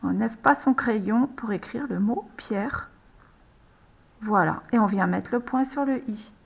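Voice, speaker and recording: A woman with a fairly high voice guides a young child through a handwriting lesson. She speaks very slowly and patiently, often pausing on "alors" and "hein" as she writes along off camera. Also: vocal fry, slightly rough. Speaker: handwriting teacher.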